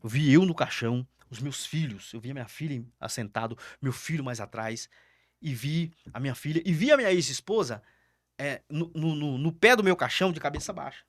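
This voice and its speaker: A man's voice: on the high side, lively intonation, fairly quick, no echo, clean studio sound. A middle-aged Brazilian man, a pastor, giving an emotional personal testimony, dramatic and repetitive as he acts out the dialogue. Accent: Brazilian Portuguese. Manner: dramatic storyteller, repeats words, acts out dialogue. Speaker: pastor, podcast guest.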